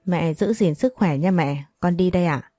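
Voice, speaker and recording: A remorseful young daughter apologizes humbly to her parents, read by a woman narrator. The voice is warm and low, recorded close with a dry sound. It is a plain storybook reading. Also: moderate pace, dry recording, faint music behind, natural voice.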